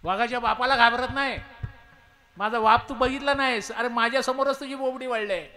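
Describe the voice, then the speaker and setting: A man voicing an angry, proud male tiger who speaks in a loud, commanding, threatening way. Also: a little high, measured pace, gravelly. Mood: menacing.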